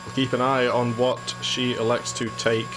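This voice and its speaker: A man's voice: medium pitch, flat delivery, normal speed, background noise. A man working as a motorsport commentator, giving factual play-by-play of a live race.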